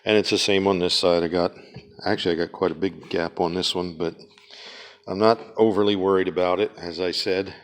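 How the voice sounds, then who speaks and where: A man from Pennsylvania giving a casual, halting walk-around of his car restoration project, with lots of ums and uhs, filmed on a handheld camera in a garage. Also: sits low, steady tone. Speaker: DIY car restoration vlogger.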